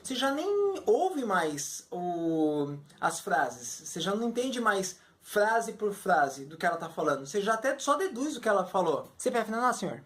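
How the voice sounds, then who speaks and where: A Brazilian woman, a Portuguese native speaker, teaching English in a video lesson. She explains slowly and acts out short example phrases. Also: medium pitch, big pitch swings.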